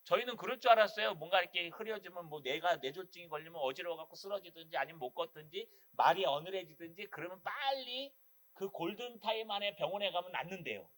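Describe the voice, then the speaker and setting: Male pastor, Gyeongsang accent, high bright voice, animated sermon delivery. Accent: Gyeongsang dialect. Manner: animated preaching, acts out quoted voices. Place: church sanctuary.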